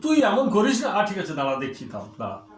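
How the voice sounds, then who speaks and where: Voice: mid-range voice, wildly swooping pitch, fairly quick, slight background noise. An adult folk-theatre performer chatting casually and explaining a scene. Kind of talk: casual chat, then setting up a scene. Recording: echoey room.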